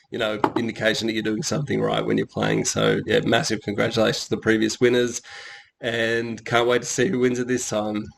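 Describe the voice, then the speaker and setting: A man co-hosting a casual chat, laid-back and quick to laugh. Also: fairly low pitch, creaky, slight background noise, poor audio. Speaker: co-host.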